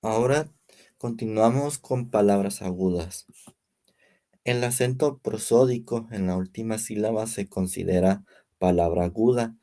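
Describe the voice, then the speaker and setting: A young man presents a spelling lesson as a student, reading examples one after another. His delivery is slow and careful, and his voice is low and mellow. He stumbles now and then and corrects himself. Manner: reads word lists slowly with pauses, some slips.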